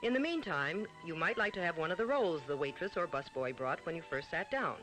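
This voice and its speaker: A man with a slightly high, animated voice narrates an old instructional film at a brisk clip, formal and didactic in tone. It's scripted mid-century narration heard on a vintage 1950s-60s film soundtrack with music.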